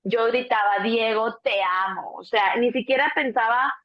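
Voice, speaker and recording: A Mexican woman in her thirties, a doula, telling a birth story in a relaxed chat, acting out the voices of the people in it and swearing casually. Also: on the high side, normal speed. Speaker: doula, co-host. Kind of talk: casual conversation. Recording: dull lo-fi sound.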